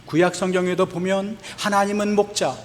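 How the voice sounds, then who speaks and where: A man's voice: high voice, little pitch movement, normal speed, slight background noise. A man preaching a sermon as pastor, earnest, often asking the congregation questions, with touches of light humor. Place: church sanctuary. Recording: long church hall reverb.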